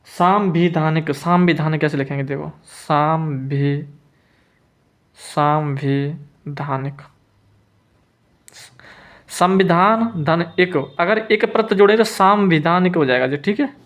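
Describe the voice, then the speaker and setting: A man teaching spelling in a lesson, repeating each word slowly and checking in with the listener. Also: high voice.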